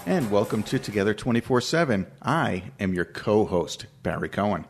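A man's voice: fairly low pitch, very animated, normal speed, creaky, music in the background. A man co-hosting a podcast in a casual, conversational style. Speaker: podcast co-host. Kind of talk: casual chat.

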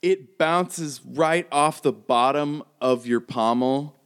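A man's voice: fairly high pitch, takes it slowly, clean tone. A man narrating a tabletop game as game master, casual and swearing freely. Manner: casual, swearing, laughing often.

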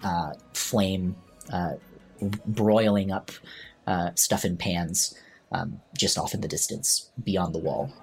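Slow, halting male game master. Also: low voice, fairly even intonation, husky, faint music behind. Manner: slow, hesitant, full of fillers. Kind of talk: narrating a tabletop game.

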